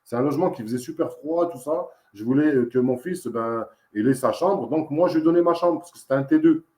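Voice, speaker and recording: A man speaking fast in a casual interview, his voice mellow and warm. He tells his story emphatically, circling back and repeating his points. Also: mid-range voice, echoey room. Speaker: interviewee, father in dispute with social services. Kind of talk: casual testimony.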